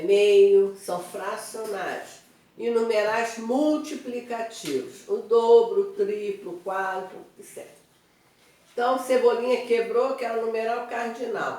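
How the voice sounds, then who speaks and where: A woman teaching Portuguese grammar in an online review lesson, explaining step by step and checking in with her students. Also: medium pitch. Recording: very echoey room, voice from a distance.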